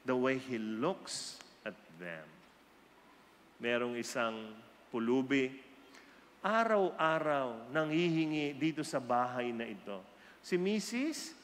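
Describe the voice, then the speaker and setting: A man preaches in a big hall, his bright, fairly high voice ringing with long reverb. He tells stories animatedly, mixing Tagalog and English. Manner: animated storyteller, jumps high for quoted voices. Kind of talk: sermon mixing Tagalog and English, with acted quotes.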